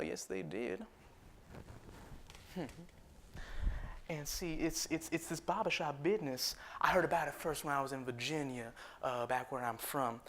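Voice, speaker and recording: A man's voice: fairly high pitch, fairly bright tone, full character voice. A man playing a proud former slave turned barber entrepreneur, telling his story in a folksy first-person monologue with frequent chuckles. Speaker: historical reenactor.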